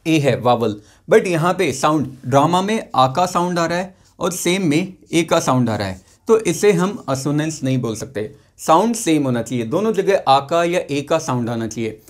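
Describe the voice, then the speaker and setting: A male teacher giving a chatty lesson, reading example sentences slowly and explaining them briskly with joking asides. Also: a little high, expressive. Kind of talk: classroom lesson explaining poetry terms.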